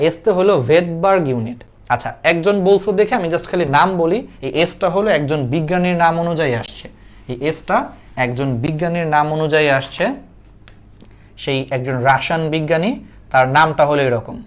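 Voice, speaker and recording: A young man teaching an online biology class in a chatty way, repeating key points and asking them back as quiz questions. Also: fairly high pitch. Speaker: biology tutor.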